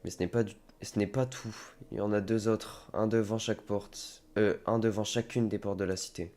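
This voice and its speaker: A man's voice: fairly low pitch, steady tone, normal speed, darkish tone, natural voice. A man reading a game ally's lines. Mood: earnest. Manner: reads dialogue plainly.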